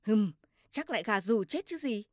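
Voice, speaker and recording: A woman voicing a harsh, quick-tempered village mother who shouts and scolds her child, in a storybook reading. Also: medium pitch, lively intonation, no echo, clean studio sound, close to an everyday voice. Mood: angry scolding.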